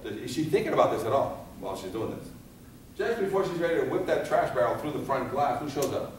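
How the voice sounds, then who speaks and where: A man's voice: medium pitch, lively intonation, quick pace. Echoey man lecturing from a distance. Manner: asks the audience questions and answers them; acts out scenes in different voices. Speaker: fire safety instructor. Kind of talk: live training talk to firefighters. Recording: echoey, from far off, with some background noise.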